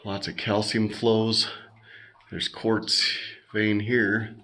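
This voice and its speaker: Low-voiced man exploring, noisy recording. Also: little pitch movement, drawn-out words, sharp tone. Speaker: amateur explorer filming a mine visit. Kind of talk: casual handheld exploration narration. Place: inside an abandoned mine tunnel with running water. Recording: clearly noisy handheld recording.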